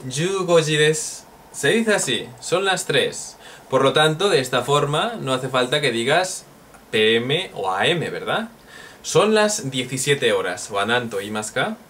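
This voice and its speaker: A man teaching a recorded language lesson, drilling phrases slowly and joking as he goes. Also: mid-range voice, lively intonation, a bit bright. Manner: slow, repeats drill phrases, jokes and laughs. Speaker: Japanese teacher. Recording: distant mic with faint noise.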